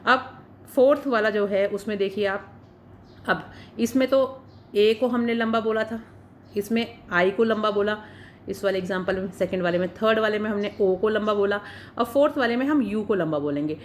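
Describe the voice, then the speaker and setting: A woman's voice: medium pitch, a little hiss or hum. A woman teaching an English pronunciation class in Hindi, patiently saying each example word and then its meaning. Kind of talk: spoken English lesson for Hindi speakers.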